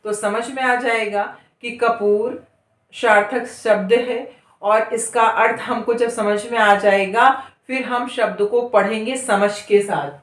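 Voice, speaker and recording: Slow, echoey woman teaching reading. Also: fairly high pitch, steady tone, distant mic. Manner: stretches long vowels, repeating each word several times. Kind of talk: slow, drawn-out spelling lesson for beginners.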